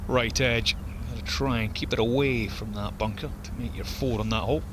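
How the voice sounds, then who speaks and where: A male golf commentator analyses shots live. His voice sits at an average pitch, with clear outdoor noise behind it. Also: fairly even intonation, fairly quick. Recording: noisy outdoor broadcast.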